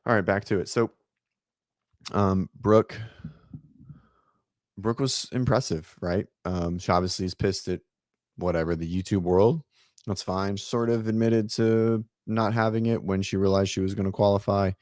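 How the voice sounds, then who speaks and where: Low-voiced man in casual profane chat. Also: fairly even intonation, normal speed, darkish tone, no echo, clean studio sound. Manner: loose, profane, filler-heavy commentary. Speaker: fitness podcast host. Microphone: remote call setup.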